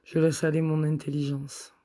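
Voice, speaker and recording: A man guiding a chakra meditation, speaking soft, repetitive affirmations in the first person. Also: fairly high pitch, completely flat delivery, normal speed. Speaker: meditation guide.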